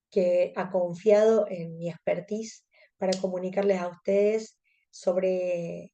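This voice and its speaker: In a dark-toned voice of medium pitch, a contact lens specialist from Córdoba, Argentina, addresses fellow specialists. She presents an educational webinar in an explanatory way, with a Cordobese Argentine Spanish accent.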